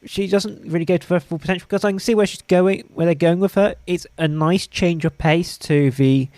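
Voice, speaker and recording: A man hosting a casual podcast, with a dry, wry way of talking and some halting restarts. His voice sits a little high. The sound is close and dry. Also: fairly even intonation, darkish tone, dry recording. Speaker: podcast host. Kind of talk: casual review chat.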